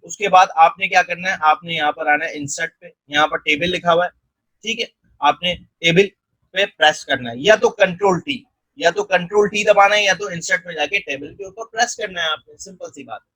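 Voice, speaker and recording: A man with a husky voice, walking through a spreadsheet tutorial step by step and checking in often. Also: high-pitched, brisk, sharp tone, no room sound, low-quality recording. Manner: step-by-step, frequent check-ins. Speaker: software tutor. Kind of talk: screen-recorded tutorial narration.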